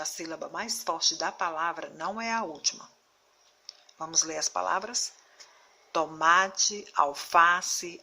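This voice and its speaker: In a recorded video lesson, a woman teacher reads through word lists slowly and deliberately, putting stress on the syllables. Her voice is fairly low in pitch, bright, and forceful.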